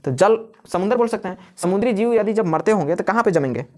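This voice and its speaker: A man's voice: high-pitched, animated, fast, darkish tone. A man teaching a live class, who keeps asking questions and answering them himself while repeating the key words. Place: classroom with students.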